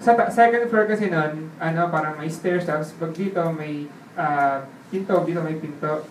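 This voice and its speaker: A man telling his life story in a casual way, laughing often and checking in with the listener through quick tag questions. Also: on the high side, slight background noise. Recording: roomy sound from a distant mic with faint ambience.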